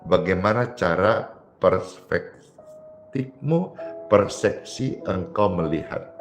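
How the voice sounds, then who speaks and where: Slow, low-voiced emphatic man preaching. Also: soft background music. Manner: dramatic swings in pitch and loudness, repeats words for emphasis. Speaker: pastor. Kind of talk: emphatic sermon with prayer.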